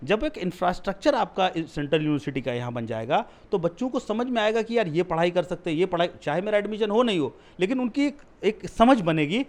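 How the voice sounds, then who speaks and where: Thirties male candidate with a high voice, pressed in a heated interview, argues hard. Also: animated, fast, hardly any pauses. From India. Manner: argues forcefully, rising loud when challenged. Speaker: political candidate.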